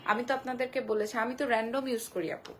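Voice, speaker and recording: A woman selling clothes on a live stream from a small shop, repeating prices and sizes in a quick sales patter. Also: fairly high pitch, fairly even intonation, a little hiss or hum. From Bangladesh. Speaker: online clothing shop seller.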